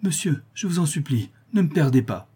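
A man's voice: medium pitch, lively intonation, moderate pace, warm tone, slightly rough. Man doing a frightened young clerk begging. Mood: pleading. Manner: pleading, stammering.

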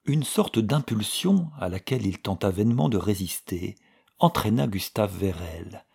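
Male audiobook narrator, husky and gravelly, measured delivery. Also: on the low side, lively intonation, a little mellow. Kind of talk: scripted narration.

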